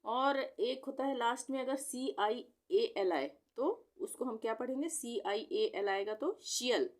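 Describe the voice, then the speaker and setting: A woman's voice: fairly high pitch, expressive, a little slow. A woman teacher patiently sounding out long words letter by letter in a spelling lesson.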